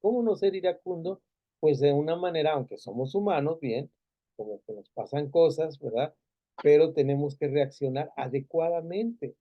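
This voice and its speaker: A man's voice: a little high, highs cut off. Mexican man teaching a Bible class. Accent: Mexican Spanish. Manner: asks the class questions, many fillers and tag questions.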